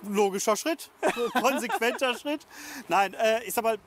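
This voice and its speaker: Technical engineer, man, high-pitched. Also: lively intonation, unhurried, a bit bright, a little hiss or hum. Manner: matter-of-fact technical explanation. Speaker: head of development at a tuning company. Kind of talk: interview answers.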